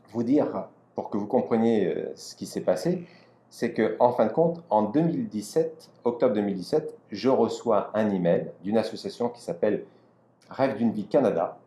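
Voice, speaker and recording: A man's voice: on the low side, dark tone, reverberant. A man from France, the host of an interview, introducing the story with a few hesitations and fillers.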